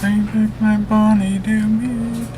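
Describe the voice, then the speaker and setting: A voice singing slowly, with drawn-out words. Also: mid-range voice, level tone, music in the background.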